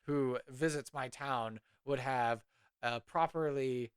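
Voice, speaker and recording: A man's voice: medium pitch, slow pace, clear, resonant tone, no echo, studio quality, lightly acted. A man playing a blustering pompous mayor. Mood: insistent. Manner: blustering, self-important, shouting at times. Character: pompous vain male town mayor, quick to rage.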